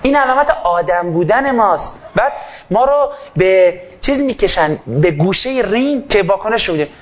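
A man giving an impassioned sermon into a microphone. He swings between loud fervor and quiet asides and acts out little dialogues. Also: high voice, expressive. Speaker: preacher.

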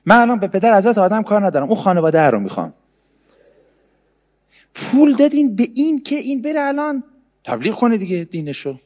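A man giving a humorous sermon, sarcastic, swinging between loud and hushed delivery. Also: high-pitched, big-room sound. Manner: sarcastic, mimics others in mocking voices. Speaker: religious speaker.

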